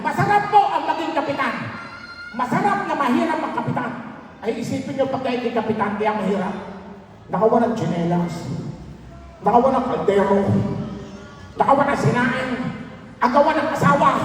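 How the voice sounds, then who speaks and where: A man's voice: very high voice, slight background noise. A man doing a live comedy emcee routine at a fiesta, telling stories with punchlines and teasing the crowd. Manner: playful, teasing, storytelling with punchlines. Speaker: comedian host at a town fiesta. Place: outdoor fiesta stage with a crowd. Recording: echoey live PA sound from far off. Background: crowd and music.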